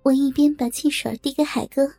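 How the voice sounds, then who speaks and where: A woman narrating a first-person audiobook in a confiding tone. Her voice is high but mellow, with a gravelly, husky edge and soft music underneath. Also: fairly even intonation, fairly quick.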